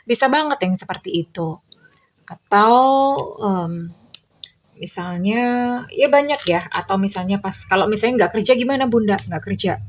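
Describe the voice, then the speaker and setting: A woman's voice: medium pitch, normal speed. A woman tarot reader speaking casually to her viewers, chatty and meandering, with many fillers.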